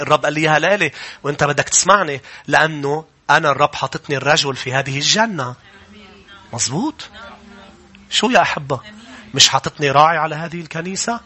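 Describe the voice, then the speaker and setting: A man's voice: on the high side, slightly rough. A male pastor with a Lebanese Arabic accent, preaching a sermon to his congregation and putting questions to them. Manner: animated preaching, quoting scripture, asking the congregation questions; rises to loud urgent preaching. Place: church before a congregation.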